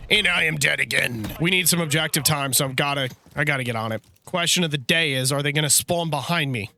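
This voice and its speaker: Bright-voiced sarcastic gaming host, man. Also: on the high side, a little fast, vocal fry, a little hiss or hum. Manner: sarcastic, talkative. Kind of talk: casual gameplay commentary.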